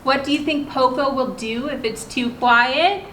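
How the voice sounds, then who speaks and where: With a high-pitched, slightly bright voice, a female storyteller at a library reads to young children in an unhurried, instructive way and asks them simple questions. Her words carry a roomy echo, with background noise clearly audible.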